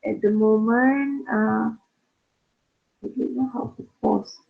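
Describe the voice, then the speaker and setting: Slow hoarse woman lecturer, tinny sound. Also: a little high, fairly even intonation, faint music behind. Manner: halting, restarts phrases with many uh fillers. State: losing her voice. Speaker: statistics lecturer. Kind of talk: online lecture. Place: online class. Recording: phone-like narrow sound.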